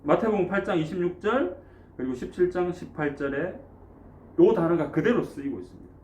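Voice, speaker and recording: A man's voice: high voice, expressive, brisk, a little mellow, highs cut off. A man preaching a sermon as a pastor in a church. He asks the congregation rhetorical questions and breaks into sudden emphatic bursts. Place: church sanctuary. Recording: echoey church room.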